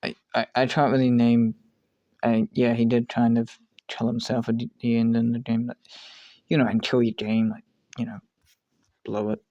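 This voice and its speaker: A man's voice: mid-range voice, flat delivery, moderate pace, pauses often, dark tone, no echo, muffled recording. A man ranking show contestants in casual commentary. He rambles, swears casually, and often trails off and restarts his sentences. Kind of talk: casual commentary while making a tier list.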